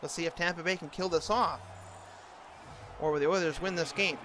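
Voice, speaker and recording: Man, higher-pitched voice, announcer-style hockey commentary, short clipped calls, noticeably noisy recording. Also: fairly even intonation, fairly quick. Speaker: amateur hockey play-by-play announcer. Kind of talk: sports announcer impression, play-by-play commentary. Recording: clearly noisy, ambient background noise.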